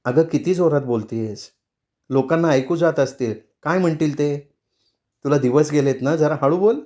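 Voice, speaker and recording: Male narrator voicing an older mother; gentle, weary, placating. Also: on the high side, moderate pace, lightly acted. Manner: soft, placating. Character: patient older mother who dreads quarrels.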